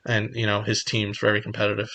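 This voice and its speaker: A man co-hosting a sports podcast, talking in a relaxed, casual way with many "you know" fillers. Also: lowish voice, quick pace, creaky. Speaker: podcast co-host.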